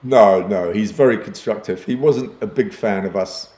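A man's voice: lowish voice, moderate pace, warm tone, roomy sound. An older man grew up in East Africa and speaks as a podcast guest, self-deprecating and often restarting his sentences. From Uganda and Kenya. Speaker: podcast guest, advertising executive. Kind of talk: conversational interview.

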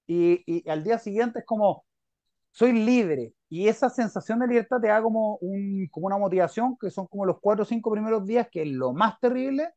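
A man's voice: sits high, brisk, hardly any pauses, no room sound. Young Chilean man, podcast host on a dry, dull call line, chatty and rambling. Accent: Chilean Spanish. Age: young adult. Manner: rambling, filler-heavy, animated. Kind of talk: casual conversation on a video call. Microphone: video call.

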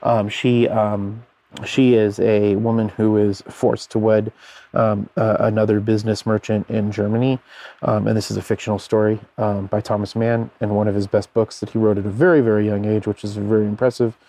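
Man, lowish voice, casual rambling monologue, many fillers, talking from his bed. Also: flat delivery, moderate pace, warm tone. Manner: rambling, many fillers, looks things up mid-talk. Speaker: podcast host.

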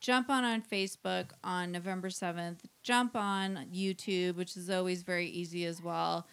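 A woman's voice: on the low side, fairly even intonation, moderate pace, clear, resonant tone. A woman co-hosting a podcast in casual chat, bubbly and giggly, often talking over her co-host.

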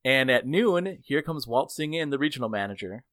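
A man telling stories with a lively, wide-swinging voice, close and dry on the mic. He laughs often as he talks and jumps high to imitate others. He is chatting casually as a podcast co-host. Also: normal speed, no echo. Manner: animated storyteller, jumps high to mimic others; laughs often while talking. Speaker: podcast co-host reading gaming news. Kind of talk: casual chat and anecdote.

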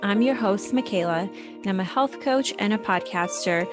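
A woman in her thirties who grew up in Slovakia talks through her story in a relaxed interview. She rambles casually, leaning on filler words as she goes. A little music sits faintly in the background. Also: mid-range voice, normal speed. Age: 30s. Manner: chatty, many fillers like "like" and "you know". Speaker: podcast host and health coach.

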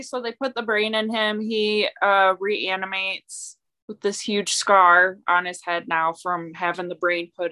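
A woman casually recapping a movie's plot, telling it in an unhurried way with light laughs. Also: mid-range voice, bright, forceful tone.

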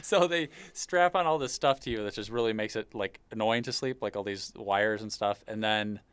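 A man's voice: fairly low pitch, moderate pace, fairly bright tone, smooth, dry recording. A man hosting a casual podcast, chatting and telling personal stories in a congested, nasal voice as if his nose were packed. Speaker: podcast host. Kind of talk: casual chat, personal anecdote.

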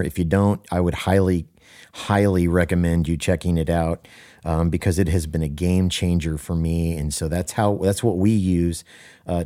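Deep, mellow-voiced man, earnest co-host. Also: dry recording, clean studio sound. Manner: earnest and emphatic, repeats key phrases for stress. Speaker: worship leader and podcast co-host. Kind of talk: casual podcast conversation.

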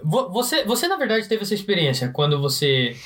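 A man's voice: high voice, big pitch swings, brisk, a bit bright. A man from Brazil, hosting a casual interview in a laid-back, slangy way and thinking aloud as he asks questions. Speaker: host.

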